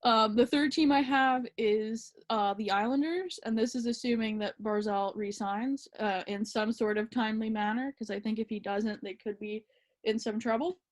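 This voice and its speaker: Hockey is the topic as a woman co-hosts an easygoing podcast. Her voice leans a bit high, and her relaxed, slightly tentative speech is dotted with "um"s.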